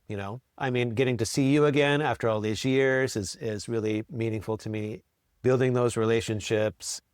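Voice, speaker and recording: A man's voice: mid-range voice, dry recording, clean studio sound. A man who works as a school librarian, answering interview questions in a friendly way, with ums and repeated words.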